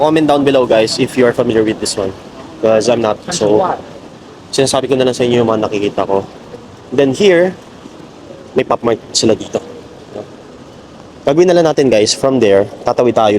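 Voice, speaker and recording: A Filipino travel vlogger with a medium-pitched voice walks a city street at night, chatting casually to his viewers and calling them "guys" as he mixes Tagalog and English. The outdoor recording is noisy, full of street and traffic sounds.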